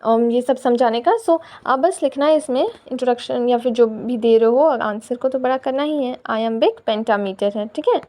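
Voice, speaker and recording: A woman's voice: on the high side, dark tone. A woman with an Indian accent teaching a poetry lesson, mixing Hindi and English, explaining step by step and checking in with her students often. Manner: explains step by step, often repeating "theek hai"; reads English lines slowly and carefully.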